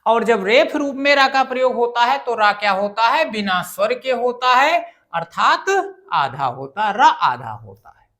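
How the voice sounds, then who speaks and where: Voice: mid-range voice, lively intonation, measured pace, pushed and bright. A grammar teacher giving an exam-prep lecture, asking questions and answering them, repeating phrases and spelling words out syllable by syllable.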